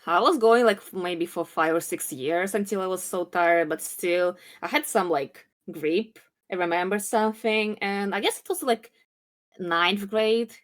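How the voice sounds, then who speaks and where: A young woman with a Russian accent, telling stories casually and bluntly in informal speech. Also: on the low side. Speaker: viewer telling a story on a call-in show. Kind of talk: casual storytelling.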